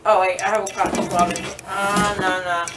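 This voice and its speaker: Through a roomy, distant mic with faint noise, a woman talks at normal speed in a medium-pitched voice with little pitch movement. She's giving a makeup tutorial as a vlogger, rambling casually to camera, groggy and loopy from anesthesia, with a numb, sore mouth after dental surgery.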